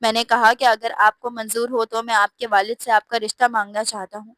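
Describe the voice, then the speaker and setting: A woman's voice: fairly high pitch, little pitch movement, a little fast, a bit bright, no room sound, lightly acted. A woman voicing a cheeky young man. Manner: forthright, complaining.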